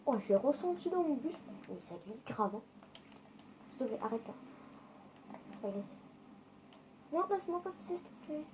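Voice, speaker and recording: A woman's voice: a little high, animated, moderate pace, pauses often, noisy background. A woman giving casual, chatty gameplay commentary, swearing freely and talking straight to her viewers. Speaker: gaming video creator.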